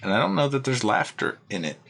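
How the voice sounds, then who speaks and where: A man's voice: mid-range voice, big pitch swings, fast talker, vocal fry, fairly bright tone, a little hiss or hum. A man co-hosting a podcast in casual chat, musing hesitantly and filling his talk with "like". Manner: musing, hesitant, many "like" fillers. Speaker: podcast co-host.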